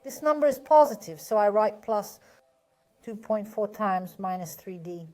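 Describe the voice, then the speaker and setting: A woman's voice: mid-range voice, a little slow, warm tone. A woman teaching a math lesson step by step, patient and methodical, often asking a question and then answering it herself.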